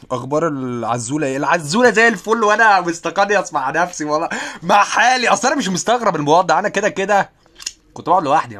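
A man's voice: on the high side, fairly bright tone. A young man with an Egyptian accent, chatting casually on a live stream while sick, reading viewer comments aloud and answering with self-mocking jokes. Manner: self-mocking, laughs often. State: sick, with occasional coughing.

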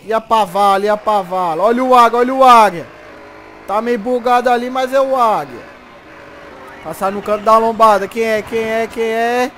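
High-voiced excited gamer man. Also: normal speed, a little hiss or hum. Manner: excited, repeats every phrase twice, slangy. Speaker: gameplay commentator. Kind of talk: casual gameplay commentary.

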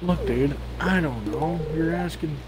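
A man's voice: fairly high pitch, unhurried, a loud crowd, poor audio. A man hosting a let's play, chatting casually and joking with a friend while he plays. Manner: joking, playful banter. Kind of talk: casual gaming chat.

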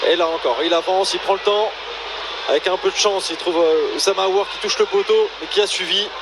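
A male football co-commentator with a high voice breaks down the replays. Loud stadium noise runs behind him the whole time. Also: brisk. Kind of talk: analysis of replays. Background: stadium ambience.

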